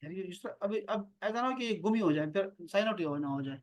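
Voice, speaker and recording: A male Arabic teacher with a Pakistani Urdu accent, giving an online class over a video call from home. He patiently repeats terms slowly and quizzes students by name. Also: high voice, lively intonation. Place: home near an airport.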